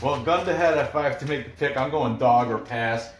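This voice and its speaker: Soft music plays behind a brisk, medium-pitched host giving fight betting picks. Born in Korea and raised in New York, they talk in a casual, rambling way with frequent self-interruptions, and the room is echoey and noisy.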